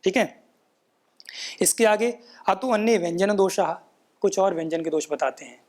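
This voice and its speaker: A Sanskrit pronunciation teacher delivers a patient, explanatory lecture, repeating points and frequently checking in with the tag question "है ना". He chants the rules in a measured recitation, and his voice sits high.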